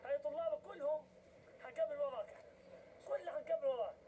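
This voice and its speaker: A man's voice: very high-pitched, fairly quick, warm tone, slight background noise, low-quality recording. A young male with a Gazan Palestinian accent, speaking earnestly and insistently, repeating himself in an emotional interview.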